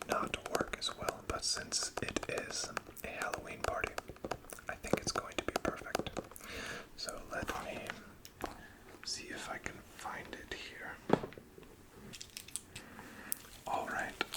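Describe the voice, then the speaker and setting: Slow whispered role-play, breathy shop assistant. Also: rough recording. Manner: gentle, attentive, encouraging customer-service talk. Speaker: ASMR performer playing a card shop assistant.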